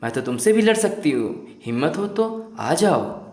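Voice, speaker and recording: A man's voice: fairly high pitch, very animated, measured pace, darkish tone. A man doing a cheeky boastful fly. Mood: taunting. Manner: mocking, taunting. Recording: roomy echo.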